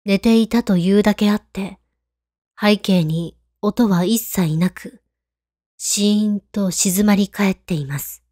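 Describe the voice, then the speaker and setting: A woman reading a scripted horror story in a hushed, calm, creepy storytelling manner. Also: medium pitch, slow, no room sound, studio quality. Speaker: ghost story narrator.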